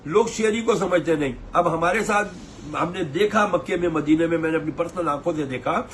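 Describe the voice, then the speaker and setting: A man's voice: a little high, a bit bright, slight background noise. A man, a tour operator lecturing pilgrims to camera in a preachy, scolding way, mimicking their complaints. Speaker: umrah tour operator giving advice. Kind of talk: advice talk to camera.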